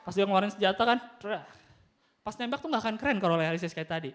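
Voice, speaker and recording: A young man doing a stand-up comedy routine on stage, animated, acting out quick voices and gunshot sounds. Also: sits high, slight background noise.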